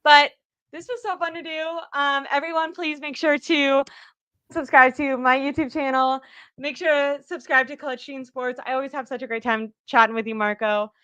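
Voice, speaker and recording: Bright, upbeat woman chatting about football. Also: high voice, fairly even intonation, normal speed, no room sound, lo-fi sound. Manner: chatty, upbeat, self-deprecating. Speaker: co-host. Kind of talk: casual sports chat.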